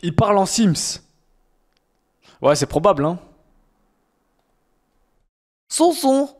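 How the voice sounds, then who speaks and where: A man's voice: sits high, a little slow. A young man streaming, reacting to fan-sent rap songs in casual, slangy talk with mocking, exaggerated complaints.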